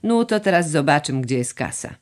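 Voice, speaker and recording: A woman's voice: sits low, sing-song, normal speed. A woman voicing a scheming, greedy male moneylender in an audiobook, insistent and bargaining.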